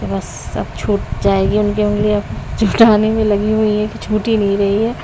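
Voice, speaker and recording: A woman's voice: medium pitch, completely flat delivery, normal speed, noisy background. A woman in her thirties narrating a casual vlog voice-over, rambling and chatty with many restarts. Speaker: vlogger.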